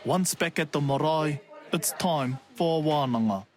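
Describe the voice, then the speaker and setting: A man's voice: a little high, a little slow. A man reading scripted documentary narration. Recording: loud music under the voice. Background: loud music.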